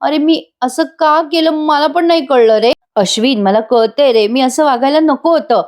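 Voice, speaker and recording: A woman's voice: high-pitched, moderate pace, darkish tone, voice pushed up, close to an everyday voice. A woman voicing a young wife who anxiously begs her husband's forgiveness, read as part of a voice-over review. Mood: flustered. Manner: begging, flustered. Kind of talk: voice-over review re-enacting serial dialogue.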